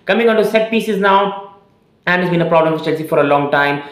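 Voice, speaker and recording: Earnest young man with a fairly high voice. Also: brisk, reverberant. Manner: opinionated, earnest, repeats phrases with many "again" and "uh" fillers. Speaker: football channel host. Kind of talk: casual fan analysis to camera. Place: small room indoors.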